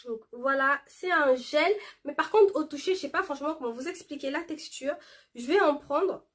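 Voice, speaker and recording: A high-voiced woman hosts a casual beauty haul vlog. She reads product labels aloud in a loose, chatty way and pauses often on fillers. Now and then she drifts a little away from the camera mic. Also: fairly bright tone. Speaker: beauty vlogger showing a shopping haul.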